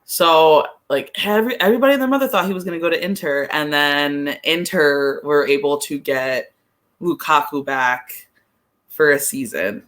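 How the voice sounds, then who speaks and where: This soccer podcast analyst has a mid-range, fairly bright voice at normal speed. The talk is casual and hesitant, the speaker thinking out loud and using "like" often.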